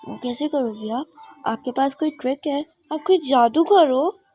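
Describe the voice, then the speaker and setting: A woman's voice: high voice, measured pace, mellow, faint music behind. A chatty little girl princess. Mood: curious.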